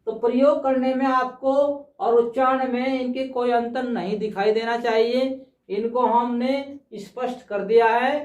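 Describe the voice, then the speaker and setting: A man's voice: extremely high pitch, steady tone, recorded from a distance. Male teacher heard from across a room. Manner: patient, repeats words slowly, checks in with 'ठीक है' often. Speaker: Hindi teacher. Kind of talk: explanatory classroom lesson. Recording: roomy, dull sound from off-mic.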